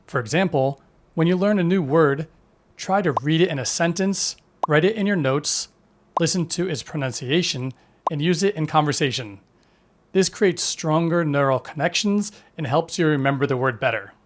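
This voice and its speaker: Speaking at normal speed over slight background noise, a male language teacher works through a scripted lesson evenly and instructively. His pitch is a bit higher than the usual male range, and every point comes out steady, in the style of a prepared explainer.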